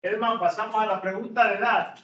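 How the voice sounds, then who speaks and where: A man teaching an online class, patiently coaxing a student and repeating his questions slowly. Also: high-pitched, fairly even intonation, fairly bright tone, a little hiss or hum. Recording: roomy, dull lo-fi call audio.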